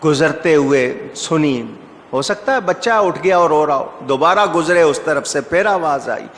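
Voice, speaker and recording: A man's voice: fairly high pitch, expressive, fairly bright tone. A male Islamic preacher giving a sermon, telling stories with emphatic rises and asking the audience rhetorical questions. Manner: storytelling with rising emphatic outbursts. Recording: echoey hall reverb.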